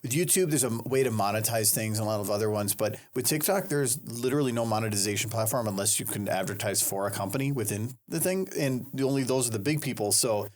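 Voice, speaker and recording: A man's voice: lowish voice, fast, few pauses. A man co-hosting a casual podcast chat, rambling and opinionated. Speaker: podcast co-host.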